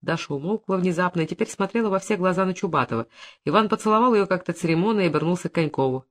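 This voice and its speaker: A man narrating a novel in an audiobook with even, measured storytelling. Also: high voice.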